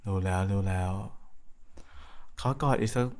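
A young man acts out a playful, affectionate boyfriend in an intimate ASMR role-play. His voice sits fairly low and he takes his time, coaxing and teasing softly. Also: a little slow, smooth, close to an everyday voice. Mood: tender, affectionate.

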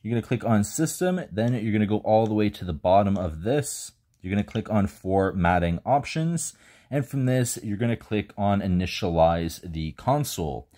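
A man's voice: fairly low pitch, normal speed. Laid-back man giving how-to steps. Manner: relaxed step-by-step instructions. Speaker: tech tutorial host. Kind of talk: casual how-to walkthrough. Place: indoors, filming over a bed.

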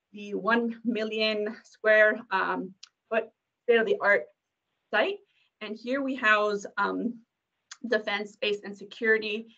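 A woman from a company's community engagement team presenting slides on a video call, filling pauses with many ums and uhs. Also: mid-range voice, fairly bright tone. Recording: dull lo-fi video call audio.

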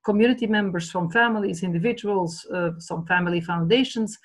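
A woman's voice: mid-range voice, brisk, slightly rough, rough recording. A woman in her fifties from Belgium with a Flemish Dutch accent, a native Dutch speaker, talking earnestly on a video call from a home study. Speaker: charity director. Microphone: laptop webcam video call.

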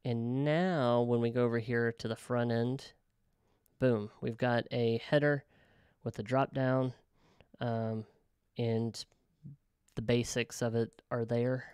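A man casually talking through a software tutorial, thinking aloud with frequent ums and self-corrections. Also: medium pitch, fairly even intonation, takes it slowly, clear, resonant tone, no echo, studio quality. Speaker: web developer tutorial host. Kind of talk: casual screen-recorded software walkthrough.

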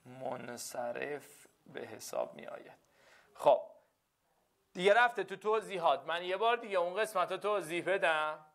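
A man's voice: high voice, lively intonation, gravelly, a bit bright. A male teacher giving a classroom lesson, repeating phrases and often checking that the students follow.

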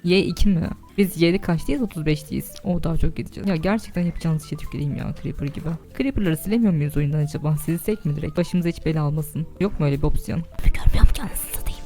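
A woman's voice: low-pitched, fast talker, hardly any pauses, mellow, faint music behind. A young woman chatting casually while streaming a game live as server admin, talking to her chat with bursts of laughter and shrieks.

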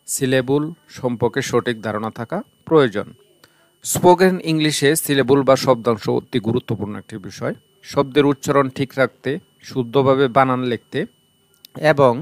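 A man's voice: mid-range voice, no echo. Man teaching English in a dry room. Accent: Bangladeshi. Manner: explains slowly, repeats terms in two languages, breaks words into syllables. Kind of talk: online tutorial lesson.

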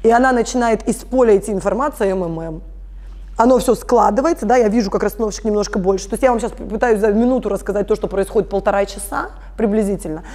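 Speaking at a quick pace with a medium pitch and a slightly mellow quality, a woman in her thirties earnestly lays out her family constellations work. She explains things to listeners directly in a conversational interview.

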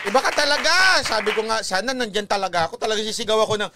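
A Filipino-accented vlogger talks very fast in a high voice over a very noisy crowd. His casual commentary is chatty and teasing, full of laughter, and switches between Tagalog and English.

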